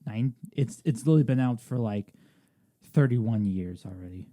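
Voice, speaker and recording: A young man co-hosting a podcast in casual chat, excitable, stumbling and repeating words as he talks. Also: mid-range voice, normal speed, no room sound, studio quality. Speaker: podcast co-host.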